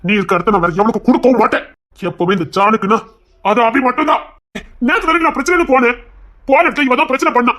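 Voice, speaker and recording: Performer doing a pleading young husband, fast urgent talk, mid-pitched, defensive. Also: fairly bright tone, lightly acted. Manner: urgent pleading and swearing innocence. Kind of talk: audio drama acting.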